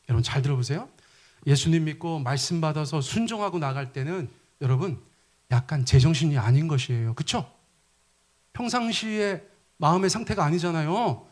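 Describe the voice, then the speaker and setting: A middle-aged male pastor preaching a sermon, asking the congregation questions and acting out quoted lines. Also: fairly high pitch.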